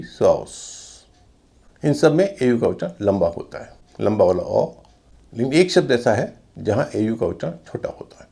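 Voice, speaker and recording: A man's voice: fairly low pitch, vocal fry, mellow. A man teaching English pronunciation in a lesson, spelling words out letter by letter and then saying them. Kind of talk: explanatory lesson.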